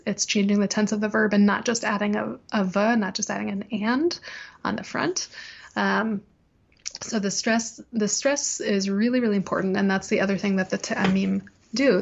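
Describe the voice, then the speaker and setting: Woman, cantor, clear and teacherly; mid pitch, slightly muffled audio. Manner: clear, teacherly, demonstrates chant by singing. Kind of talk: explanatory interview talk.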